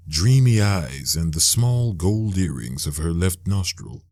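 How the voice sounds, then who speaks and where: A man narrating an audiobook in a steady, even reading. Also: low voice, no echo, studio quality.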